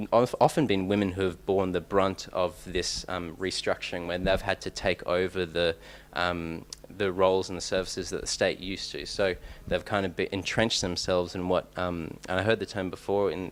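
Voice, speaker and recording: A young man with an Australian accent presents research at a conference. His voice sits very low, and he pauses often with ums and false starts. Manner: hesitant, many ums and restarts. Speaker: conference speaker.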